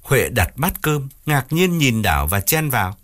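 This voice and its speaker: A male narrator telling a dramatic audiobook story in an expressive, swooping delivery. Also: medium pitch, a little slow. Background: faint background music.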